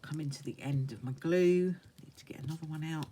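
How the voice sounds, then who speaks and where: Low, croaky-voiced woman craft vlogger. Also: dark tone, slight background noise. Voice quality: croaky, hoarse voice. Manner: unhurried, talks along while working with her hands. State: hoarse, still getting over a croaky voice. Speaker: craft vlogger demonstrating techniques. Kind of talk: casual craft tutorial chat.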